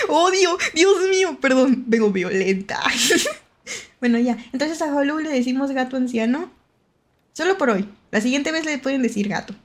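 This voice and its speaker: A young Mexican woman with a Mexican accent streams a horror game as a VTuber, her voice sitting a bit high. She chats playfully with viewers, giggling and jumping at scares. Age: young adult.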